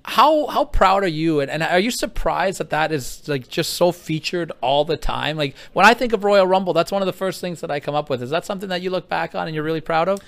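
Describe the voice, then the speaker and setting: A man's voice: a little high, expressive, a little fast, gravelly, hardly any pauses, a bit bright, no echo. A man interviewing a guest in a casual, enthusiastic, fan-like way.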